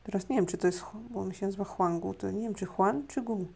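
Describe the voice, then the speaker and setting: A woman from Poland co-hosting a casual podcast chat, chatty and quick to react, laughing easily. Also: medium pitch, gravelly, mellow, slightly rough. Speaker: co-host.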